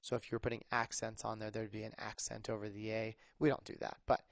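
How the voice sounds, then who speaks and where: A man's voice: lowish voice, level tone, fast talker, gravelly, no echo. A man teaching a math lesson, explaining patiently in a conversational way with some fillers. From United States. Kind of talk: recorded classroom lesson.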